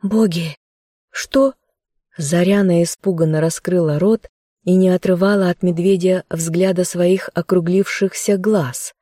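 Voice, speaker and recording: A woman calmly narrating a fairy-tale novel as an audiobook. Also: on the low side, normal speed, no room sound, studio quality.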